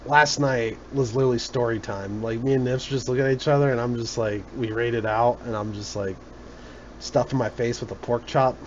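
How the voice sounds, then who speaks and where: A man's voice: mid-range voice, steady tone, fairly quick. A man hosting a casual podcast chat, rambling and joking and laughing often. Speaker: podcast host. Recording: muffled lo-fi recording with faint noise.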